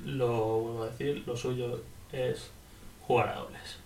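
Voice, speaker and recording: A man's voice: medium pitch, flat delivery, a little slow, a little mellow. A male co-host chats casually about games, joking and swearing. His voice sounds roomy and a little distant from the mic. He laughs often. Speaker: game reviewer co-host. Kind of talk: casual podcast chat. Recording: roomy, a bit far from mic.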